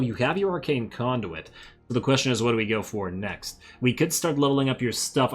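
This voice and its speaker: This let's-play host for strategy games has a medium-pitched voice with a fairly bright tone. He chats loosely while playing, thinking out loud, entertained by his own remarks and slightly hoarse.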